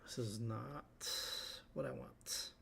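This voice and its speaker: A man hosting a live painting stream, talking through each step in a relaxed way as he works. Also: on the low side, slow, creaky, slight background noise. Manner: relaxed, thinking aloud while working. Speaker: host.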